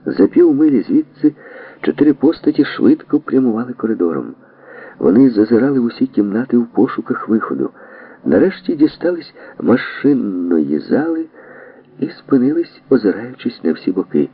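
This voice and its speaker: A man narrating an audiobook, telling the story briskly and voicing every character himself. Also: mid-range voice, big pitch swings, breathy edge, no echo. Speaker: audiobook reader. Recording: dry tinny narrow-band audio.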